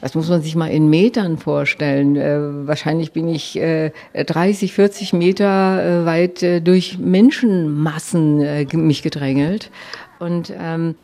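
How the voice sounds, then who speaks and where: Woman, low pitch, warm dark tone, personal storytelling, animated, hesitant fillers. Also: unhurried. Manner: lively, animated retelling with frequent hesitation fillers. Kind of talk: personal anecdote told to listeners.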